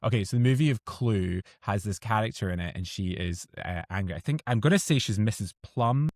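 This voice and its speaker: A man's voice: lowish voice, expressive, a little fast, a little mellow, no echo, clean studio sound. A man co-hosting a podcast, chatting in a playful, self-deprecating way. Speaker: podcast co-host. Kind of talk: casual podcast chat.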